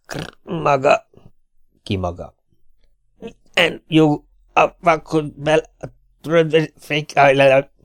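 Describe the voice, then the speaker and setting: Croaky, hoarse petty-tyrant mayor voiced by a man, high and stammering. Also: lively intonation, pauses often, dry recording, clean studio sound. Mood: flustered. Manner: stammering, flustered.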